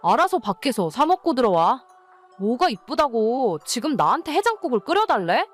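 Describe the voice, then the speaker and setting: Woman acting exasperated scolding wife, animated higher voice. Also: moderate pace, faint music behind. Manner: nagging, scolding. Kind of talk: scripted story narration and dialogue.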